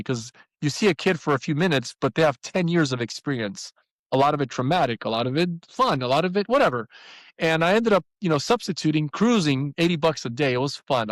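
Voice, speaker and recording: A man in his fifties telling a personal story as a podcast guest, animated and acting out the people he quotes. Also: fairly high pitch, dry recording, low-quality recording. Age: 50s.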